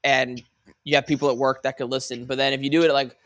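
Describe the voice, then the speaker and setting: Hosting a call-in show, a man chats casually and informally with callers, halting and often restarting sentences with repeated false starts. His mid-range voice is level in tone and a bit bright, captured dry in studio quality.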